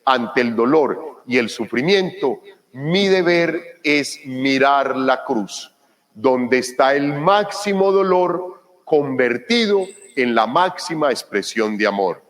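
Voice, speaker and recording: A man with a Colombian accent, a priest giving a gospel reflection, retelling scripture as lively, colloquial dialogue and calling his listeners children. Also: mid-range voice, slow pace, in a large hall. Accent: Colombian Spanish.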